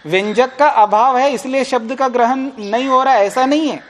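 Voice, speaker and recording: Man teaching a classical philosophy text. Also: very high-pitched. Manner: reads Sanskrit lines slowly, then explains them in Hindi; asks the class questions, then answers them. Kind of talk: classroom lecture explaining a text.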